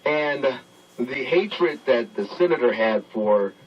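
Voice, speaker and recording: A man speaking haltingly and searching for his words, heard as a broadcast picked up on an old tube receiver. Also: mid-range voice, lively intonation. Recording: muffled radio from a speaker, off-mic.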